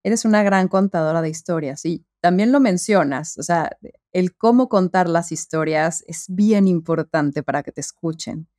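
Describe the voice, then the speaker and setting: A woman's voice: on the low side, normal speed, dark tone, no room sound, studio quality. A woman hosting a podcast, asking guests curious, open questions. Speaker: podcast host. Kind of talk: interview questions.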